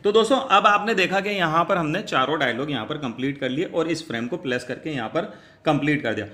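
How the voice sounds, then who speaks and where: A man's voice: a little high, fast, sharp tone. A man hosting a step-by-step screen tutorial, patiently explaining each click and calling his viewers friends while wearing earphones. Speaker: tutorial host.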